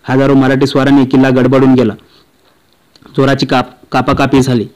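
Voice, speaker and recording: A man reading a historical novel aloud in a steady, unhurried manner. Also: mid-range voice, rough recording. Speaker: audiobook reader.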